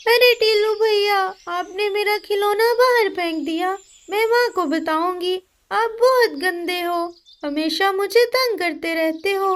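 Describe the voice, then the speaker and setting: A woman's voice: very high voice, slow, few pauses, pitched above the performer's own voice. A woman voicing a small girl bird in a cartoon, plaintive and tearful. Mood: complaining.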